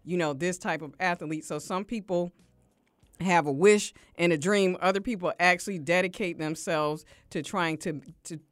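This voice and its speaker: A woman's voice: lowish voice, moderate pace, no room sound. A woman hosting an interview in a conversational, encouraging way, with long rambling questions. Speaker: interview host.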